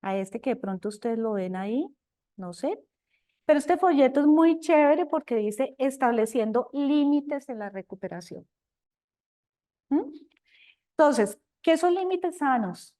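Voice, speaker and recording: An older Colombian woman speaks warmly and expressively, turning to her listeners as companions. Her voice sits a little high and sounds mellow, and at times it grows loud. She is sharing her own experience over a video call. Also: expressive, unhurried. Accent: Colombian Spanish. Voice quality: talks loudly at times. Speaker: speaker at a recovery group talk. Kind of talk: personal sharing talk.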